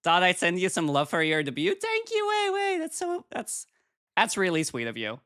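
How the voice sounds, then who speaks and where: A woman's voice: deep voice, wildly swooping pitch, normal speed, fairly bright tone, dry recording, clean studio sound. A woman with a cute, cheery anime-streamer delivery, chatting casually with viewers on a livestream as a VTuber.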